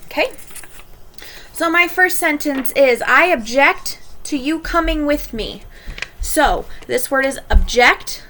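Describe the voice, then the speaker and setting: A woman teacher giving a recorded lesson, explaining clearly and stretching key words slowly for emphasis. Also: sits high, a bit bright, a little hiss or hum.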